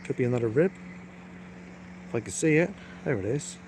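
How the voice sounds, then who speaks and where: Live-streaming from a handheld phone beside the water, a man banters casually with his viewers, cheeky and self-mocking. His medium-pitched voice is animated and fairly quick. The background is noisy.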